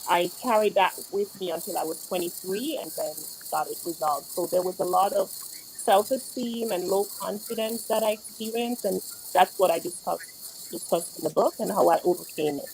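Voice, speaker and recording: A woman's voice: medium pitch, moderate pace, creaky, a little mellow, slight background noise, poor audio. A woman from Jamaica, an author and nurse, speaking plainly and earnestly. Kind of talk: interview.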